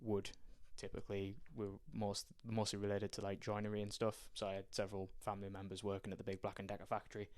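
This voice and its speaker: A young strength and conditioning coach from County Durham, England, is a guest on a casual podcast interview, describing his background hesitantly with many ums and restarts. His voice is lowish and darkish in tone, monotone and fast, with hardly any pauses.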